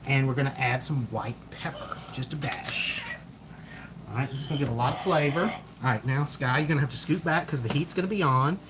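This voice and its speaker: A man's voice: mid-range voice, a little fast, noisy background. A man talking through a recipe in his home kitchen, easygoing and explaining each step while chatting with his child. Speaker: home cook streaming a recipe. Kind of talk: casual cooking demonstration. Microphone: phone camera. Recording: kitchen clatter and a screaming parrot behind.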